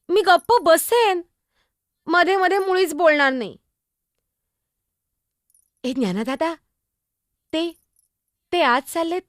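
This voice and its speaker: A woman playing a lively, teasing young girl, Muktai, in a chatty, innocent solo stage monologue. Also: sits high, no room sound, studio quality.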